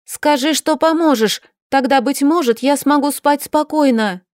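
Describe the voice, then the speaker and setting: A woman voicing a desperate young wife, high and urgent. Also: measured pace, darkish tone, no echo, studio quality. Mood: pleading. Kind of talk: audiobook character voice.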